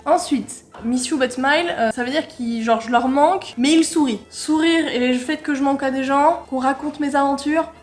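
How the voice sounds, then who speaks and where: A high-voiced woman vlogger works through an online quiz, joking and laughing often as she comments casually. She reads English words aloud with a loose, approximate accent, keeping a light tone, a moderate pace and few pauses.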